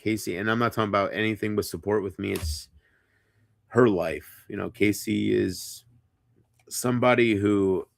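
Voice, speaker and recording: A man's voice: on the low side, normal speed, gravelly, dry recording, clean studio sound. A man livestreaming alone, talking drunk, rambling and profane with his chat.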